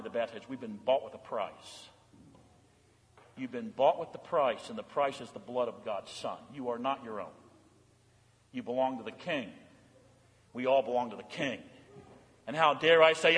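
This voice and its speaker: Older male pastor preaching in a reverberant church. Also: a little high. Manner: preaching with swings between loud proclaiming and hushed earnest asides. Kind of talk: sermon. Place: church sanctuary. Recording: long hall reverb.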